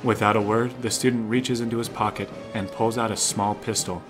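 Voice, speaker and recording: A man's fairly low voice carries this scripted dramatic narration, which moves through the action in the present tense. Music sits faintly underneath, and he reads briskly in an even, steady tone.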